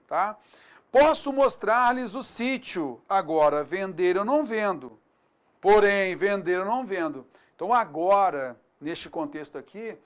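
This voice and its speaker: A man with a Brazilian Portuguese accent teaching a grammar lesson for an exam prep course, colloquial and lively, checking in with quick tag questions. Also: high voice. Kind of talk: recorded video lesson.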